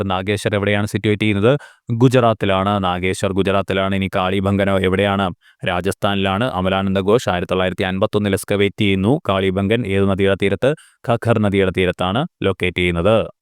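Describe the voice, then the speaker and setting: Male exam tutor, resonant low voice, repetitive question-answer drilling, dry recording. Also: smooth, dry recording. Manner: asks rhetorical questions and answers them himself; repeats key facts, mixing English terms into Malayalam. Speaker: exam coaching teacher. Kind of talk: recorded lesson.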